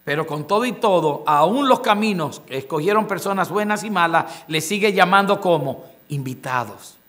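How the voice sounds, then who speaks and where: A pastor delivers an expository sermon at normal speed in a high-pitched, animated, slightly bright voice. He reads scripture aloud, explains it word by word, and often asks the congregation rhetorical questions.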